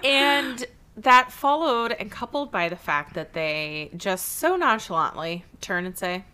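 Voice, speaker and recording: A woman with a bright, ringing voice recaps a cartoon episode for her podcast. Her pitch swings freely as she tells the story with quick asides and laughs, in a casual, chatty style. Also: sing-song, clean tone. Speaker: podcast co-host.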